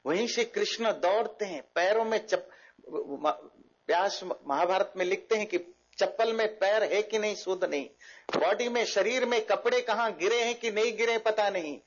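A man with a high voice retells old epic tales, animated and mixing in English words. The recording is dull and lo-fi. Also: normal speed. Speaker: spiritual speaker. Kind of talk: storytelling talk.

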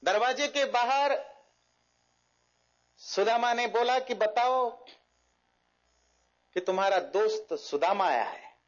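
A man giving a storytelling talk about friendship, animated and mixing English words into his speech. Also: very high-pitched, slow, pauses often. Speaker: spiritual speaker. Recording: dull lo-fi recording.

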